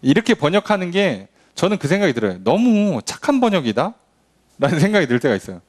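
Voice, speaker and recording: A male pastor leading a midweek Bible study, teaching in a conversational, animated way and acting out quotes. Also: fairly high pitch, fast. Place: church.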